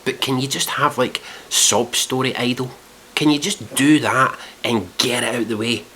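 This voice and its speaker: A man in a casual review vlog, venting with exasperation and constant swearing. His voice sits at an ordinary middle pitch, with a faint hiss of noise behind him. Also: fairly even intonation, moderate pace, bright, forceful tone. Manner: exasperated, heavily profane, mock-outraged. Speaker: video reviewer.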